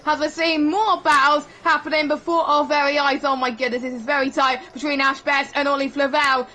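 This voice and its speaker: A woman giving live sim racing commentary in an excitable way, with frequent exclamations. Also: sits high, fairly quick, a little hiss or hum. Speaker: esports race commentator.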